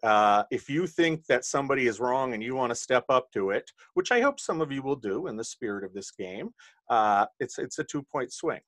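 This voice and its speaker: Lively, joking male podcast host. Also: medium pitch, moderate pace. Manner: joking, profane, animated. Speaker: podcast host running a party game. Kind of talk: casual late-night chat.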